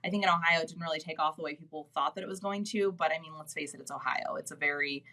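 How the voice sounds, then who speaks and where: A woman's voice: sits low, fast talker, pushed and bright. A woman talking as a guest in a casual business interview, chatty and filled with "like" and "you know".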